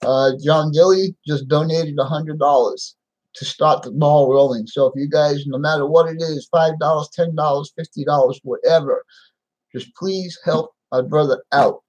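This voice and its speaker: A man speaking without his teeth in a halting, plain-spoken way, repeating himself as he chats casually on a live stream. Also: a little high, steady tone, darkish tone, muffled recording. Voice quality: toothless, slightly slurred speech without dentures. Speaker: livestream host.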